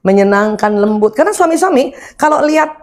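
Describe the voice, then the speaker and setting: Brisk and mid-range in pitch, a middle-aged woman speaks at a religious lecture about parenting and married life, animated and funny as she performs everyday scenarios.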